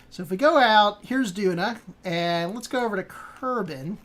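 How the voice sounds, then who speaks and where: A woman hosting a casual gameplay walkthrough, rambling with many fillers and self-corrections. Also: on the low side. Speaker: host.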